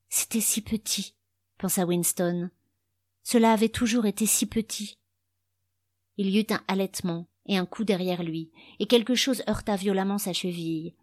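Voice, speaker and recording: Woman narrator, audiobook, lowish voice, steady measured delivery, dry close sound. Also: dry recording.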